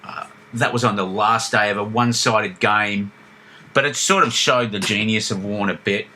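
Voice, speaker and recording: A man's voice: on the low side, moderate pace, pushed and bright. A man, co-hosting a casual podcast and telling stories with many restarts. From Australia. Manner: reminiscing, storytelling with frequent restarts. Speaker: podcast co-host. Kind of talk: casual chat.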